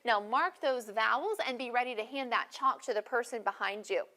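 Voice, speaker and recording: A woman's voice: fairly high pitch, sharp tone. Encouraging woman teaching a phonics class. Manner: clear, encouraging, slow teacher delivery. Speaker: first-grade teacher.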